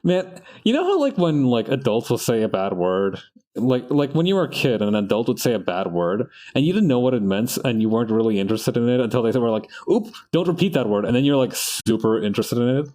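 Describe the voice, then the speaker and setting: Drawing live on stream for practice, a young man whose first language is Spanish chats loosely and ramblingly, often cutting himself off mid-sentence to laugh. His mid-range, warm voice swings widely in pitch and moves fairly quickly.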